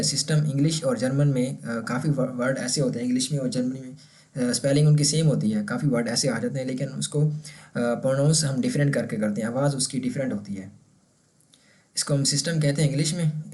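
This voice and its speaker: A man with a Pakistani Urdu accent teaching a beginner German class, patiently explaining and repeating words slowly so learners can copy the pronunciation. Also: medium pitch, darkish tone. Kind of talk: casual explanatory lesson.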